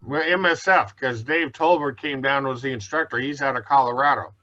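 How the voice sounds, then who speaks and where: Bright-voiced man on a muffled call. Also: mid-range voice, brisk. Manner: easygoing, laughs often. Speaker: rider coach in group video chat. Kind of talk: casual chat. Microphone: video call. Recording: dull lo-fi video call audio.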